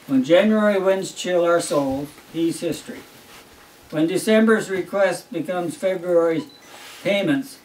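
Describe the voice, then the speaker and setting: An older man, a grandfather, gives a wry, amused reading of a Christmas story at a family home. His voice is a little high, with slight background noise in the roomy, distant home recording.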